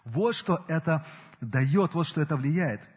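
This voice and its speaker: Husky man preaching in a hall. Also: on the high side, expressive, takes it slowly, a little mellow. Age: 40s. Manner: earnest, rises and falls in emphasis. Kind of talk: sermon. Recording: long hall reverb.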